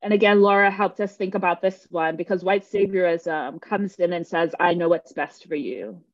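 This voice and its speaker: A woman from Jamaica facilitates a live online workshop in a lowish voice at a moderate pace. She's earnest and emphatic, regularly checking in with listeners, and the echo-free recording has its highs cut off.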